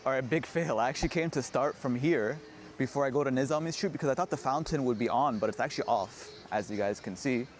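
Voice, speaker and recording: Out on a city street amid vehicles and street noise, a travel vlogger chats casually while walking viewers around. His voice is mid-range and his pace is fast.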